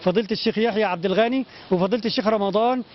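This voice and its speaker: An Egyptian man answers interview questions in a quick, halting stream full of restarts and pious phrases. His voice is high for a man. The recording is dull and lo-fi. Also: slight background noise. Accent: Egyptian Arabic. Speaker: community guest.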